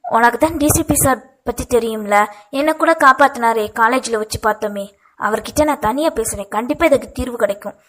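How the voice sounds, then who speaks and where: A woman voicing a bold, bossy young woman in an audio novel, speaking with brisk, insistent questions. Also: on the high side, a bit bright.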